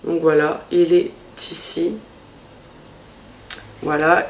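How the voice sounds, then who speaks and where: Chatty woman in a roomy echo. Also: lowish voice. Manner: chatty, hesitant with many fillers. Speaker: beauty vlogger. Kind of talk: casual makeup haul vlog.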